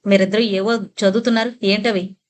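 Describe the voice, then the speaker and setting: A bullying, drunken middle-aged father in a storybook, shouting and threatening with a quick temper, read by a woman narrator. The voice is her own mid-pitched tone. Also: steady tone, natural voice. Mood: angry.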